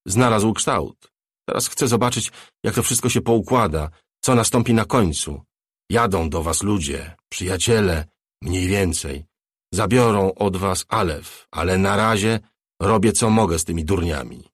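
A man voicing a calm, squeaky-voiced man speaking from a monitor in an audiobook. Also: a little slow, slightly rough, no room sound, studio quality. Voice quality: squeaky and quiet.

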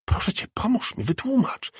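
A shaken young woman speaks high and breathy, her words strained and often half whispered, as a man reading an audiobook puts her on. The recording is dry and close. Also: wildly swooping pitch, normal speed, no echo, heavily acted. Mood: desperate.

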